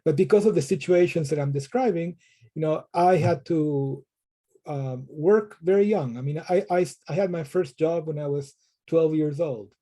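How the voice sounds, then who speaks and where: This middle-aged Peruvian professor has a slightly high, dark-toned voice and speaks at a normal speed. He answers interview questions thoughtfully, frequently repeating words as he restarts his sentences.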